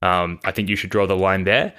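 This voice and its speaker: A man's voice: low-pitched, steady tone, fairly quick, pushed and bright, smooth. An Australian man hosting a casual sports podcast, rambling and self-deprecating, laughing now and then. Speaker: podcast host.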